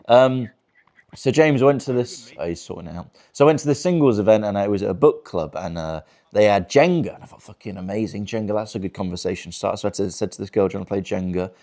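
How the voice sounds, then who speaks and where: A man's voice: fairly low pitch, lively intonation, fast, darkish tone. A man in his twenties doing crude, teasing crowd work as a stand-up comedian in a virtual-reality show. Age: 20s. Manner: crude, teasing, laughs often.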